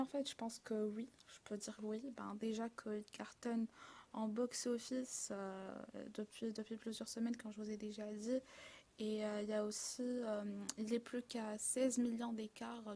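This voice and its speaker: Chatty young woman, high voice. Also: dark tone. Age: young adult. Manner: chatty, hesitant, many fillers and restarts, laughs often. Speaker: film columnist. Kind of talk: casual live talk show chat.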